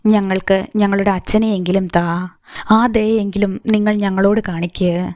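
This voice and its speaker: A woman's voice: medium pitch, fairly even intonation, a little slow, darkish tone, dry recording, studio quality, natural voice. A woman voicing a grieving wife who pleads to die, sobbing through her words. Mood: despairing.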